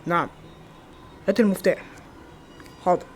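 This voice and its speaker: A man with an Egyptian Arabic accent acting several everyday roles in a homemade skit, with quick, exclamatory lines. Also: sits high, slight background noise. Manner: quick, loud, exclamatory dialogue. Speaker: amateur actor.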